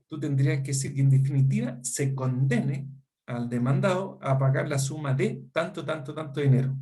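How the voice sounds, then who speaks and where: Dark in tone and mid-range in pitch, the voice belongs to a middle-aged law lecturer with a Chilean Spanish accent. His seminar is explanatory, punctuated by rhetorical check-ins with the students.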